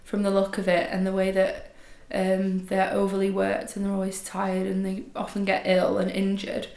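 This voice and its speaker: A nineteen-year-old woman answers interview questions in a flat, halting way, often stopping and restarting. Her voice turns gravelly at the ends of phrases, and the small room around her sounds echoey. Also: mid-range voice. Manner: hesitant, with fillers and repeats. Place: indoor room, seated in armchair.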